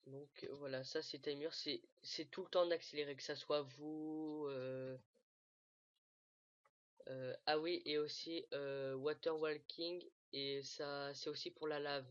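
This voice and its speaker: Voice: medium pitch, steady tone, unhurried, no room sound. A speaker walking viewers through a game tool in a casual screen-recorded tutorial, hesitating often, with many fillers and restarts. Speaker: gaming tutorial maker. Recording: dull lo-fi dry mic.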